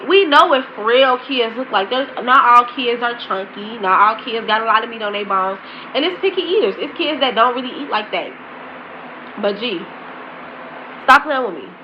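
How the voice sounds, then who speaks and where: A woman's voice: fairly high pitch, muffled recording, slight background noise. A woman blogger ranting heatedly in casual slang, talking straight to her viewers in a commentary vlog. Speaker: celebrity gossip blogger.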